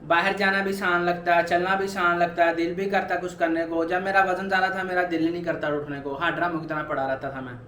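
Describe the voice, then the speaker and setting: High-voiced young man in an echoey room. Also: flat delivery, fast, hardly any pauses, bright, forceful tone, slight background noise. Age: 20s. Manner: earnest, repetitive motivational urging. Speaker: vlogger. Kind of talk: personal weight-loss vlog.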